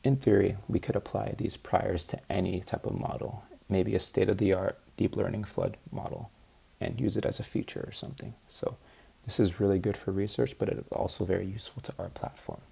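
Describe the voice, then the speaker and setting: Tired male researcher, dark low voice, rehearsing a talk without notes. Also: fairly even intonation, brisk, gravelly, slightly rough. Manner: tired, slightly slurred, unscripted. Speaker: researcher presenting a project. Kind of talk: practice conference presentation.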